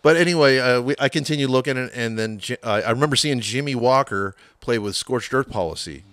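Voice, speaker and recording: A man's voice: medium pitch, fairly quick, a bit bright, no echo. A man telling band stories in a loose podcast chat, full of swearing, acting out other people's lines as he goes. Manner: profane storytelling, acts out quotes.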